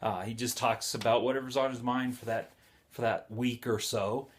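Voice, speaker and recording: A man talks loosely to the camera about woodworking, drifting from thought to thought with plenty of fillers. His voice sits at an ordinary middle pitch, and the talk is relaxed and unscripted. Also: moderate pace. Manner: rambling, friendly, with many fillers. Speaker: woodworking channel host.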